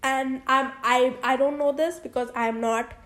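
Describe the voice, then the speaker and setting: A woman's voice: high voice, fairly even intonation, a little slow, a bit bright. A young woman hosting a solo podcast, rambling casually with many fillers and restarts. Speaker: podcast host.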